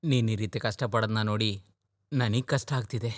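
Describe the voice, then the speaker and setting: A man's voice: fairly low pitch, steady tone, brisk, no echo, studio quality, lightly acted. A man voicing a worried, caring older brother in a dubbed film, speaking earnestly and coaxing. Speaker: film character in a dub.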